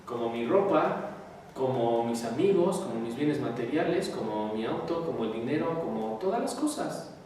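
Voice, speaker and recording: A man giving a spiritual talk, swinging from loud emphasis to quiet asides. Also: medium pitch, sing-song, moderate pace, slight background noise. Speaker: spiritual teacher. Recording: echoey hall, mic far off.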